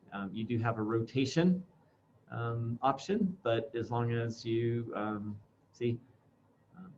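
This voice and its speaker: A man teaching an informal classroom software demonstration, speaking haltingly through a face mask and thinking aloud as he goes. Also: mid-range voice. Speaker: instructor. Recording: dull lo-fi sound, faint background noise.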